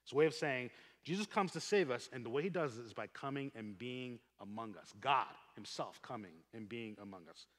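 A man preaching a sermon as pastor, earnest and emphatic, swelling on key points and dropping soft at the ends of phrases. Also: medium pitch, brisk. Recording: long hall reverb.

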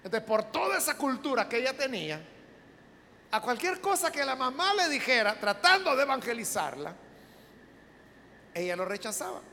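A man's voice: very high voice, sing-song, moderate pace, pauses often, pushed and bright, big-room sound. A male pastor, telling a testimony from the pulpit in a conversational storytelling way with frequent asides.

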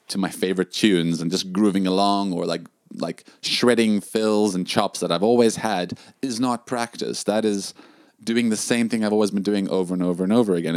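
A man's voice: deep voice, vocal fry, a little mellow, no room sound, studio quality. A young man, a drum teacher, talking casually in a chat, with many fillers and restarts. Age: young adult.

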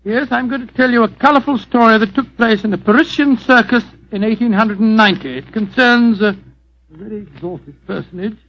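An actor playing a genial, earnest British doctor, a detective's loyal older companion, in 1940s radio drama style. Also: male voice, high-pitched, brisk, fairly bright tone. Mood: genial, chatty. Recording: dull lo-fi vintage radio recording.

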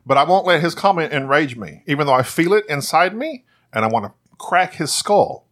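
A man hosting a podcast in casual comedic banter, with a slightly whiny voice and a mock-calm, restrained way of talking. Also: fairly high pitch, a little fast. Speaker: podcast host.

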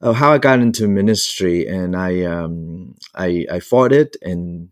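A priest and author in his sixties, this Hong Kong man tells his personal story as a guest in an interview, his voice low and the recording dry and studio quality. He is halting, frequently pausing for long stretches and repeating fillers as he looks for the right words.

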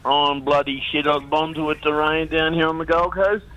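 Bright, blunt Australian male caller. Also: fairly high pitch, flat delivery, moderate pace, poor audio. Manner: blunt, blokey. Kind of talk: casual chat.

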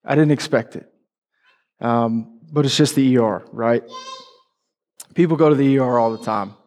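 A man's voice: mid-range voice, normal speed, darkish tone. A man preaching a sermon, telling a personal story candidly and emotionally.

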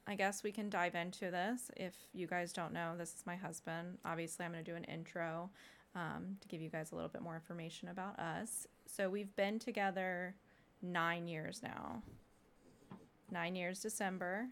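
A young woman hosting a casual podcast interview at home, chatty and quick with asides. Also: on the low side, fairly even intonation, fairly bright tone. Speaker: podcast host. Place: home room with a dog.

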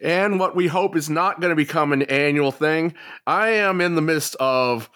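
A man hosting a podcast, relaying music news in casual chat at a measured, newsy pace. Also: a little high, a bit bright. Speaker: podcast host.

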